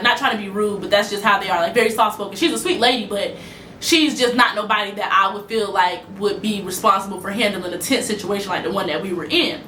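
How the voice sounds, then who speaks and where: A young woman telling an animated story to the camera, acting out the quotes, in an echoey room. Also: on the high side, slight background noise. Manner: animated, fast-talking, acts out quotes. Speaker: storytime vlogger.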